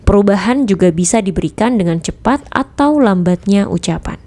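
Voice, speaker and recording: A woman narrating a nonfiction audiobook in an even, measured reading voice. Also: medium pitch. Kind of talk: scripted narration.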